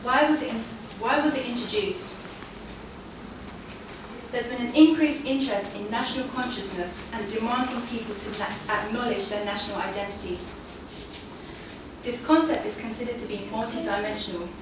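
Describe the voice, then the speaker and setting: Her fairly high voice carrying through a very reverberant lecture hall, a young adult woman from London presents an academic seminar at an even pace and keeps posing questions to listeners. She's miked from far away, and the dull sound sits over constant background noise.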